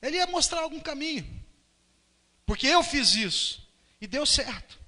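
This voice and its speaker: A man with a Brazilian Portuguese accent preaching a lively sermon as a pastor, acting out quoted voices. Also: very high-pitched, moderate pace. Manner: animated, acts out quotes and voices. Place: church hall. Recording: live church recording with long reverb.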